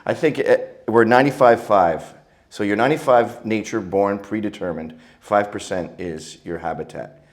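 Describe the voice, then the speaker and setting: A man's voice: lowish voice, moderate pace. A middle-aged man, telling stories as an interview guest in a crude, joking, provocative way. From Canada. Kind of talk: casual interview storytelling.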